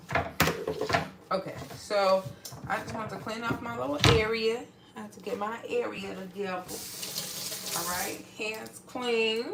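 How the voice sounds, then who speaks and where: Chatty woman cooking at home, noisy audio. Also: on the low side. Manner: chatty, repeats phrases, many fillers. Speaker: home cook livestream host. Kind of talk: casual cooking livestream chat. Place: home kitchen.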